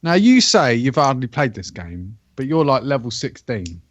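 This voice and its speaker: A man's voice: mid-range voice, sing-song, normal speed, dry recording, highs cut off. A man, co-hosting a casual podcast, teasing his friends bluntly and swearing freely. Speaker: podcast co-host. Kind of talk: casual banter.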